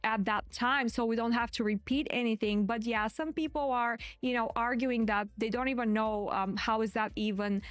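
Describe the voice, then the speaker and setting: A woman with a quiet but clear voice hosting live market commentary, explaining casually and often correcting and repeating herself as she goes. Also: fairly high pitch, steady tone, moderate pace, few pauses, no room sound, faint music behind. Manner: hesitant, self-correcting, repeats phrases. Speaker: trading stream host.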